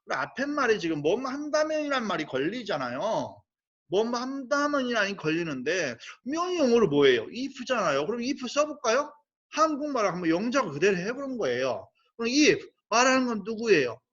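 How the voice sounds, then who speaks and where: A man teaching a high school English grammar lesson, explaining step by step, asking rhetorical questions and slowly spelling out English phrases. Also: sing-song, fairly bright tone, highs cut off. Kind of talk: recorded grammar lecture.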